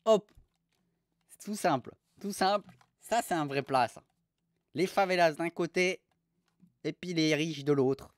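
A young man streaming live, mocking restaurant reviews in a crude, animated way. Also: a little high, measured pace, long pauses, dry recording, studio quality.

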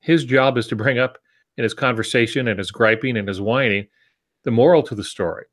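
Speaking briskly in a medium-pitched, fairly bright voice, an American man in his sixties gives an informal lesson full of asides. He's a writing teacher and podcast co-host, on a video call from his home office with wired earbuds.

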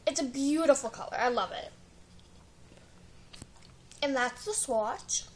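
Teen girl, high voice, rambling haul chat, webcam in a living room. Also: slow, low-quality recording. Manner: chatty, giggly, rambling with many likes. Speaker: vlogger. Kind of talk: casual haul video. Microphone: built-in webcam mic.

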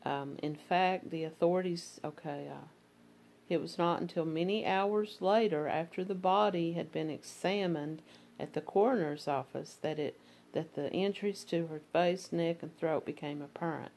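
A woman's voice: sits low, moderate pace, creaky, darkish tone. A woman with an Appalachian accent narrating a true crime case, reading court filings and commenting in a conversational way with fillers.

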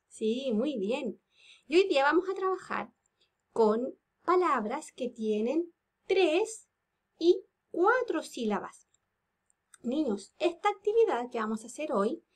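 A woman teaching kindergarteners from home, speaking in a slow sing-song and drawing words out syllable by syllable. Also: high voice. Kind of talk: remote lesson for young children.

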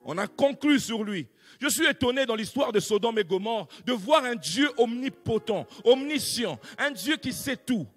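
A man preaching a sermon, rising into impassioned, shouted prophecy with sung, chanting cadences. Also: very high voice, expressive, normal speed, slightly rough.

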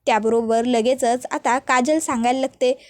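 High-voiced woman retelling a TV serial. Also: steady tone, normal speed, dry recording, clean studio sound. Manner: acts out quoted dialogue in changing voices. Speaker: episode recap narrator.

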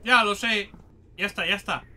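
Un hombre con acento de España que comenta una partida de un videojuego de forma desenfadada, grita a los monstruos y suelta tacos a cada rato. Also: male voice, high-pitched, normal speed, slight background noise. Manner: excitable, shouting and swearing at monsters. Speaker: gaming YouTuber. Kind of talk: casual let's-play commentary.

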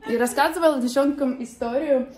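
A woman's voice: sits high, fairly quick. A woman in her thirties chatting playfully as she hosts guests in an apartment, recorded on a handheld phone. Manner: playful, exuberant. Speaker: vlogger hosting guests. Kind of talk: casual party chat. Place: apartment hallway and living room. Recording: busy chatter of party guests.

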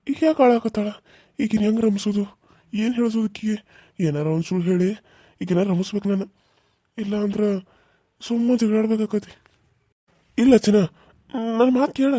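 An evasive village husband in a cartoon serial, voiced by a woman. He speaks with a North Karnataka Kannada accent, in a warm, mellow tone and a coaxing, defensive manner. The sound is dry and close. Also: fairly high pitch, no room sound, close to an everyday voice.

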